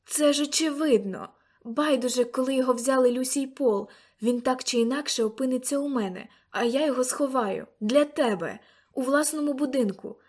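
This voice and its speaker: An excitable old grandfather, a time-travel scientist, voiced by a woman in an audiobook. He bursts into loud, delighted cries when an idea strikes. His voice sits somewhat high. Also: brisk, slightly rough. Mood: excited. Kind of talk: audiobook character reading.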